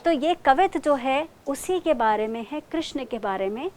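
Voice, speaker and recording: High-voiced woman counting out a dance class. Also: animated, measured pace, darkish tone. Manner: counts beats and recites dance syllables aloud, then explains in Hindi mixed with English. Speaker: Kathak dance teacher.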